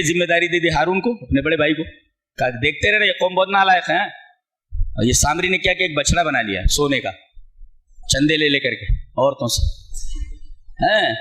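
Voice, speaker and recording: A middle-aged male Islamic scholar giving a Quran commentary sermon, speaking emphatically, reciting Arabic verses and rising to loud exclamations. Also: sits high, low-quality recording.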